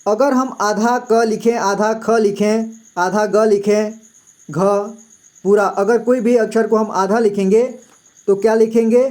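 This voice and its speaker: Slow, patient male teacher. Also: high voice, fairly even intonation, a little mellow. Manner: patient, repeats "theek hai" often. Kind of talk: slow classroom explanation.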